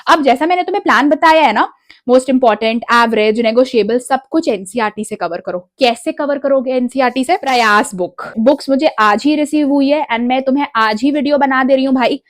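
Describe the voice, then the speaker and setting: A woman's voice: high voice, normal speed. A young woman giving exam strategy advice to students, direct and insistent, dropping English phrases into her talk. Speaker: educational YouTuber.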